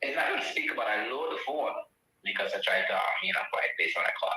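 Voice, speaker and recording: A man's voice: on the low side, wildly swooping pitch, fast, sharp tone. Echoing man calling in. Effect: heavy echo from a second device on the phone call. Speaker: radio call-in caller. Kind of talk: call-in political opinion. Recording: echoey phone line from far off.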